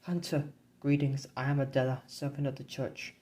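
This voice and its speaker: A man's voice: mid-range voice, flat delivery, moderate pace, a little mellow, lightly acted. A man voicing a timid young woman who serves the church in a gothic horror game campaign. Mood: pleading.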